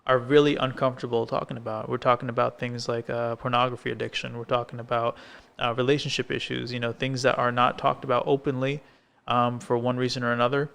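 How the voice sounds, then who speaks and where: On a filmed podcast set made to look like a coffee shop, a male co-host chats casually and rambles, full of fillers and restarts. He talks fast in a mid-range, level voice that is creaky, a bit bright and clean.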